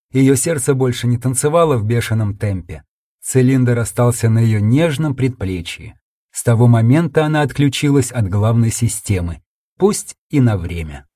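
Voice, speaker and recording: Dark-voiced man narrating a dramatic audiobook. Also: mid-range voice, no echo, clean studio sound. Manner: dramatic, intense storytelling. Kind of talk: scripted first-person audiobook narration.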